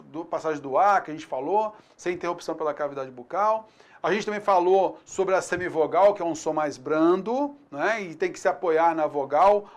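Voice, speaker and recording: Upbeat Brazilian male teacher, slangy check-ins. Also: high voice. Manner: upbeat and informal, checks in often with slang tags. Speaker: Portuguese grammar teacher. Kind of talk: recorded online lesson, explaining over slides.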